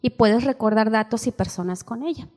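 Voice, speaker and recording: An older woman leading a teachers' seminar at a church, reading from notes and explaining, often checking in with a quick question. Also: on the high side, a little mellow. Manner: explains while reading aloud, keeps asking ¿sí?. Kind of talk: seminar lecture. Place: church hall. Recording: hall reverb.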